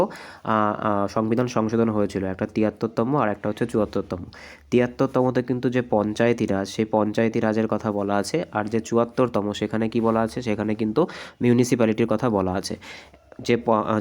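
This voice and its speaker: A man with a hoarse voice from a cold, teaching an exam practice lesson and explaining answers step by step. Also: on the low side, darkish tone. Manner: explanatory, repeats "ঠিক আছে?" often.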